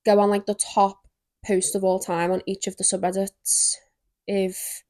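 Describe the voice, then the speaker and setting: A woman's voice: medium pitch, level tone, measured pace, warm tone, no room sound. A young woman hosting a spooky stories podcast, chatting casually and reading stories aloud with giggly asides. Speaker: podcast host.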